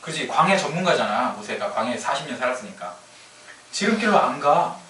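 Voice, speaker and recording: A man's voice: mid-range voice, very animated, brisk, bright, forceful tone. A man preaching a sermon as pastor, telling the story in a chatty, humorous way, heard echoing from a distance. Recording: echoey room from a distance.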